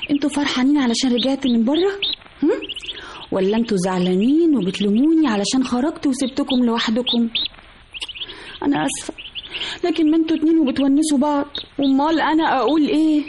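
A woman's voice: high-pitched, natural voice. A woman playing a lonely frightened young woman. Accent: Egyptian Arabic. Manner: plaintive, tender, pleading. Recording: old radio drama with hiss.

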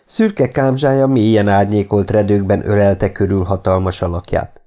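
Low-voiced male audiobook narrator. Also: steady tone, mellow. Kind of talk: scripted narration.

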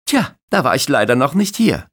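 A man voicing a cocky young male lifeguard who loudly mocks and shouts. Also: medium pitch, sing-song, moderate pace, husky, voice pushed up. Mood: teasing. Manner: loud, mocking, shouting over noise.

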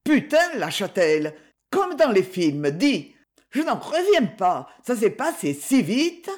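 A reader voicing an excitable older woman who swears when under stress. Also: medium pitch, slow. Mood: excited.

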